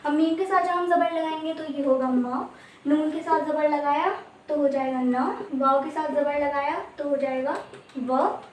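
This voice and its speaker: A high-voiced woman teaches a casual language lesson, patiently drilling letter sounds one at a time. She is recorded in an echoey room with a faint hiss of background noise. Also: fairly even intonation, moderate pace.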